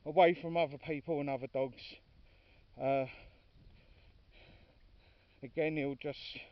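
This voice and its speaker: A man's voice: fairly high pitch, steady tone, slow pace, recorded from a distance. Man chatting on a dog walk. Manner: chatty and informal, calling his dogs now and then. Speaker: dog walker filming his walk. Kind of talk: casual vlog commentary while walking. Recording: dry, dull lo-fi sound from off-mic.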